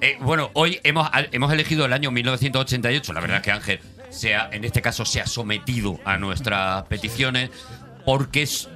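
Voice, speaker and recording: Un presentador de voz brillante y tensa, que conduce una charla informal con entusiasmo y humor. Se oye una música suave de fondo. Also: male voice, mid-range voice, a little fast, bright, forceful tone, soft background music. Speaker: host. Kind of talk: casual chat.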